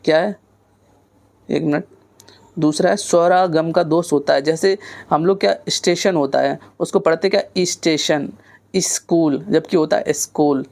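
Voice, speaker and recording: Fairly high-voiced male tutor. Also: gravelly, a little mellow. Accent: Hindi from north India. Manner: explains slowly, repeats words to show pronunciation; self-corrects and mixes in English words. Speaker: teacher. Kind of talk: online exam-prep lesson.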